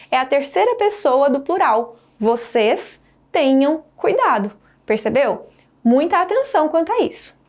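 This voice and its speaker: A woman teacher giving a scripted grammar lesson, speaking clearly and stressing her example sentences. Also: high-pitched.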